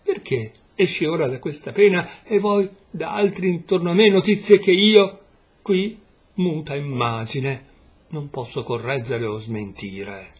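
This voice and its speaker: Man reading sad youth in a portrait, reproachful, despairing, husky voice. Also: mid-range voice, slow pace. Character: sorrowful youth in a portrait, silently pleading.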